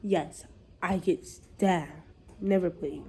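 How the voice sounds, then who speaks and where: A young woman tells a casual storytime to her viewers, animated and slangy. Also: on the low side, slow pace. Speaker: vlogger.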